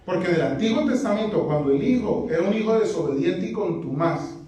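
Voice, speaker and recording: A man's voice: high-pitched, expressive, fairly quick, mellow. A man preaching a sermon to a congregation, firing rhetorical questions at them and dropping joking asides. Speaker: pastor. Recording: very echoey hall, mic far off.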